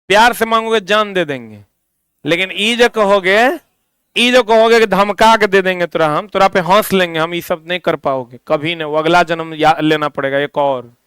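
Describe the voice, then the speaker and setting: A male teacher leads a physics lesson, asking questions and slowly repeating the answers for students to write down. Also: sits high, a bit bright, smooth, dry recording. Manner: drifts into stern ranting.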